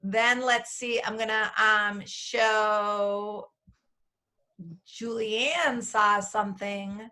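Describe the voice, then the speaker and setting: A woman's voice: mid-range voice, steady tone, drawn-out words, pushed and bright. A woman leading a casual video-call session, upbeat and encouraging as she guides simple stretches. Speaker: activity leader.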